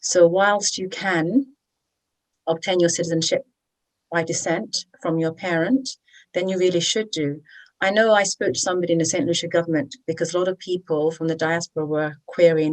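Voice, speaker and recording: A woman hosts a citizenship webinar in a chatty, encouraging way, often checking in with her listeners. Her voice is slightly low, and she pitches her service with warmth and conviction. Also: fairly even intonation, moderate pace, poor audio. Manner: chatty and encouraging, with tag questions. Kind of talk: persuasive presentation.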